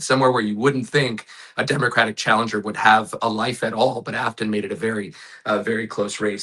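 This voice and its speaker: A man with a hoarse, raspy voice hosting a live online news show, casual and friendly with his guests. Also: medium pitch, bright, forceful tone.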